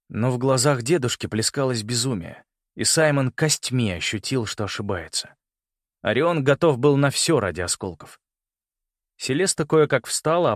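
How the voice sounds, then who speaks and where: A man narrating a fantasy audiobook with a dramatic, expressive reading, close to the mic. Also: medium pitch, dry recording. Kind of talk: scripted narration.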